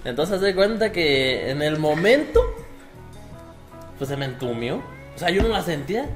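A man's voice: a little high, sing-song, moderate pace, echoey room, faint music behind. Rambling Mexican man telling a story. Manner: rambling storyteller, repeats fillers. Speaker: podcast guest. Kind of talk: casual chat.

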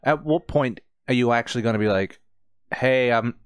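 A man's voice: mid-range voice, quick pace, smooth, no room sound, studio quality. A young man co-hosting a podcast, joking crudely and laughing easily in casual chat. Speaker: podcast co-host.

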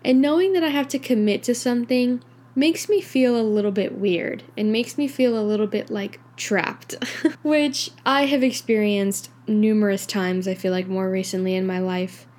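A woman's voice: mid-range voice, moderate pace, a little mellow. A tired young woman hosts her own podcast late at night. She talks candidly and rambles, leaning on "like" and "you know" as she goes. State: tired, yawning. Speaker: podcast host. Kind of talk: casual solo podcast monologue.

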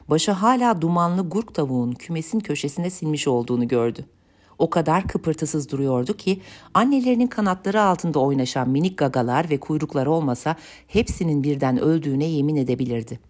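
Woman, very low voice, storybook narration, measured, even reading.

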